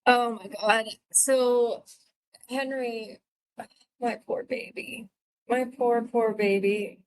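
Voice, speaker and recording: Female instructor, chatty and expressive, speaking over a video call. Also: a little high, slow, background noise. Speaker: nursing clinical instructor. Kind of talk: casual chat before an online class.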